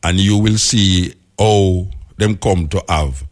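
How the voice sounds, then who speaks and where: A Jamaican man with a fairly low voice gives an explanatory talk in Rasta speech. His phrasing follows Patois grammar, and he stresses his points by repeating key phrases emphatically. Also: takes it slowly.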